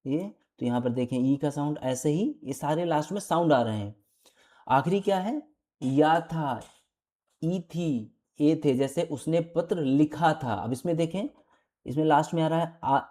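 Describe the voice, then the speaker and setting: A woman's voice: rumbling low, warm tone. A woman with an Indian accent teaching an online English grammar lesson, patiently asking and answering her own questions.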